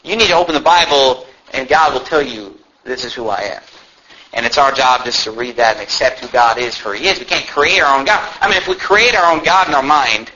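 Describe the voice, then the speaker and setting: Fairly quick and forceful, this American preacher has a mid-range, bright voice. His sermon leans on repetition and rhetorical questions for emphasis, captured in a muffled lo-fi recording with faint noise behind it.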